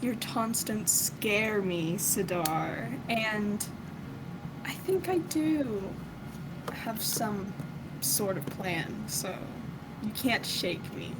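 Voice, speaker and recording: Woman as female game adventurer, guarded, terse, measured, unhurried, music behind. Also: mid-range voice, animated, background noise. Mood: defiant.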